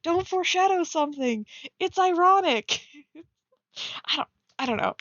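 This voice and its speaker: A woman's voice: very high-pitched, lively intonation, a little slow, fairly bright tone, dry recording, lo-fi sound. A woman chatting casually on a stream as she reads aloud and critiques, teasing and blunt with sarcastic asides. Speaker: streamer reading and critiquing fan fiction. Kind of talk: casual live commentary mixed with reading aloud.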